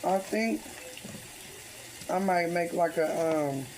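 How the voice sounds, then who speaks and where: A woman's voice: fairly low pitch, slow pace. A woman chatting casually and informally as she cooks at home, with heavy breathing between and under her words. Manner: breathing heavily; informal, off-the-cuff. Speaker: home cook vlogger. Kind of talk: casual cooking chat. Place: home kitchen. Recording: noisy kitchen, sizzling frying pan. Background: food frying and sizzling.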